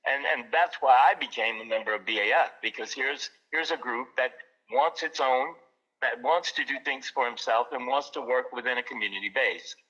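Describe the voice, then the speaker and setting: A man who owns an art gallery speaks earnestly in a relaxed interview, doubling up words as he goes. His voice is bright with a sharp edge. The audio sounds dull and lo-fi. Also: medium pitch, brisk. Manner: earnest, repeats words as he talks. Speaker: art gallery owner, guest. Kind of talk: casual interview.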